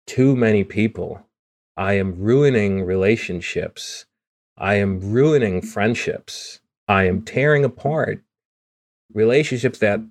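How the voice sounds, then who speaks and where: A man from Guyana with a fairly low voice, speaking earnestly on a podcast. He talks openly and at an easy conversational pace, often stumbling and restarting a phrase. The tone is candid and unguarded. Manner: earnest and open, with frequent restarts. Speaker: podcast co-host.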